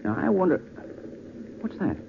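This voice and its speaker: The Shadow, tinny radio, dramatic swooping delivery. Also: male voice, sits high, very animated, moderate pace, full character voice. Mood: brisk, intent. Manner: commanding, crisp, theatrical. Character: confident amateur detective, secretly a sinister avenger. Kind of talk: 1940s radio acting. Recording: tinny, hissy 1940s radio recording.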